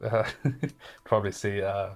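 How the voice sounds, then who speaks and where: A man's voice: fairly low pitch, slow pace, darkish tone. A man playing his character in a tabletop game, talking in a rambling, hesitant way with many fillers. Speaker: player. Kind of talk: in-character tabletop role-play.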